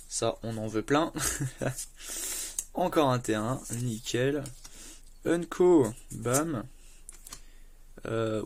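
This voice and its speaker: A man chatting casually as he opens trading card packs, with lots of fillers, stumbling over English card names and bursting with excitement at good pulls. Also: medium pitch. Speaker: card collector opening booster packs. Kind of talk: casual unboxing commentary.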